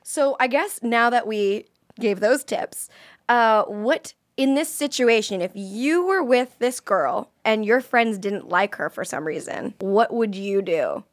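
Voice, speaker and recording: A young woman hosting an advice podcast in a casual, chatty way, laughing often and tossing in quick asides. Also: a little high, animated, dry recording, studio quality. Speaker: podcast host. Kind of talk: casual chat.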